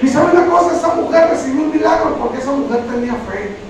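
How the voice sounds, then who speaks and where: Man preaching, high voice, very echoey room, heard from a distance. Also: animated, fast, crowd noise. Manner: addresses listeners as brother constantly, retells Bible stories. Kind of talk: sermon. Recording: very echoey room, from far off, faint noise.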